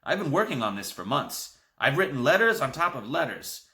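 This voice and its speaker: Excitable, folksy old grandpa, raised and lively in pitch, bright tone, as an audiobook reader puts him on. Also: male voice, fairly quick, roomy sound. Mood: earnest. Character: excitable old grandfather, storekeeper and deal-maker.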